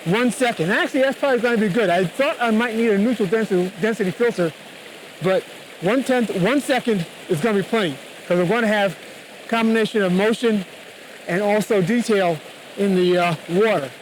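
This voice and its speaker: A man giving a casual photography tutorial outdoors, talking up to be heard beside a rushing river. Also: sits high, rough recording. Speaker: photography vlogger. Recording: loud rushing stream noise. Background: rushing water.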